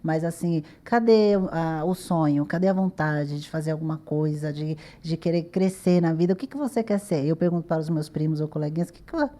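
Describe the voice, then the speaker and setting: Fast-talking woman telling stories. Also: sits low. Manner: lively storyteller, acts out quoted dialogue. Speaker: podcast guest, dancer and TV journalist. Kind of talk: casual interview chat.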